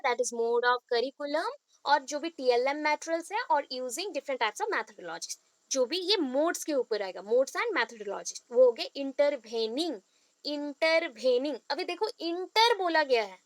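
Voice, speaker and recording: A woman teacher from India lectures in a high, bright voice. She switches between Hindi and English and keeps asking her listeners questions. The recording is close and dry. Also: no echo. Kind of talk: explanatory classroom lecture.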